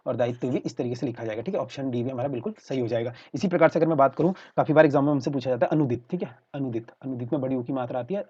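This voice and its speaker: Fast-talking male Hindi exam teacher. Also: medium pitch, warm tone, husky, muffled recording. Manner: explains repetitively, checks in with "theek hai" often. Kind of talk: online exam-prep lesson.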